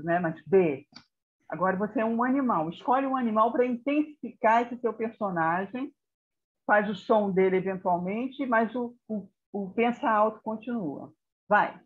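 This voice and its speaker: A woman's voice: medium pitch, measured pace, husky. A woman facilitator giving directive instructions in a theatre workshop over a video call. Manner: directive, checks in with "tá?" and "ok". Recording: muffled video call audio.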